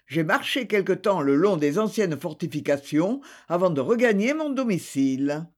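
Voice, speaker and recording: A young man under suspicion, voiced by a male reader, answers with proud, tense defensiveness. The pitch runs high and swings widely in this audiobook reading. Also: lively intonation, normal speed. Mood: defensive.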